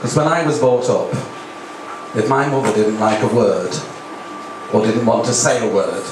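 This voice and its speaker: A man's voice: medium pitch, moderate pace. A man performing as a campy drag queen host, doing teasing stand-up patter with the audience. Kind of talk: live stand-up comedy patter with audience banter. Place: live cabaret stage in a music cafe. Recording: echoey live venue, distant mic, loud crowd noise. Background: loud audience noise and laughter.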